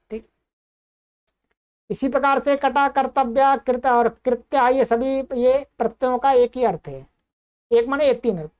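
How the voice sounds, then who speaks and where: A woman giving a grammar lesson, asking and answering her own questions and reciting examples slowly. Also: high-pitched, clean tone, highs cut off. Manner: slow, drawn-out recitation of Sanskrit examples. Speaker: Sanskrit grammar teacher. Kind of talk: explanatory lesson.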